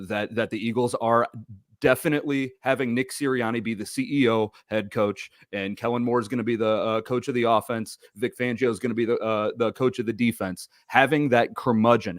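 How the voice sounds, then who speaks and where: A man talks sports on a casual podcast, circling his points with fillers and false starts. His voice sits at an everyday middle pitch, recorded dry and close with no room sound. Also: no room sound. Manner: rambling, many restarts and fillers. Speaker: podcast co-host.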